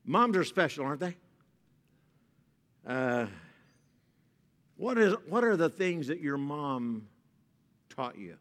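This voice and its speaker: A man preaching a sermon at a pulpit microphone, his voice bright and edged, pitched a little high for a man. He jokes with the congregation, then drops into a quieter, reflective tone. The sound rings out with the long reverb of a church hall. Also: animated, takes it slowly, long pauses. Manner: joking, then softer and reflective. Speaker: pastor. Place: church sanctuary.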